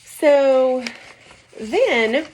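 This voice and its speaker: Female teacher, bit high voice, gentle sing-song read-aloud for little kids. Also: animated, extremely slow, slight background noise. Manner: gentle, sing-song, often checks in with "right?" and "okay?". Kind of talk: reading a picture book aloud to young children.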